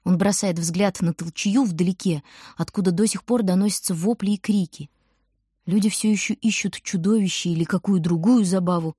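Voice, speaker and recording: A woman's voice: on the low side, moderate pace, warm tone, slightly rough, no echo, studio quality. Woman narrating an audiobook. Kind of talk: scripted narration.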